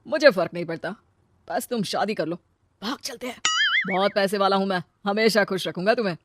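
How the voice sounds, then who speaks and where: A woman voicing a smooth-talking young man who turns cold and selfish, in a cartoon story. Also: mid-range voice, fairly quick, very noisy, natural voice. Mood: coaxing. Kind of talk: cartoon voice acting.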